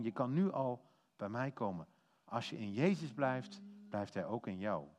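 A man giving a lively, informal sermon, telling a story with acted-out quotes and quick self-corrections. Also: medium pitch. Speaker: preacher.

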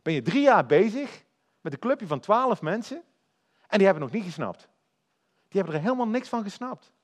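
A man preaching a sermon, telling the story in a lively way and speaking directly to his listeners. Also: sits high, brisk.

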